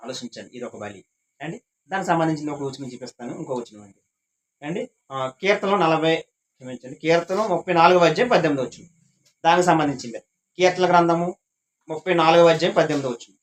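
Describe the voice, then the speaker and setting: A man's voice: fairly high pitch, quick pace, pauses often, poor audio. A man leading a Bible class, repeating his points and quizzing the class with questions. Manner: repetitive, asks the class questions.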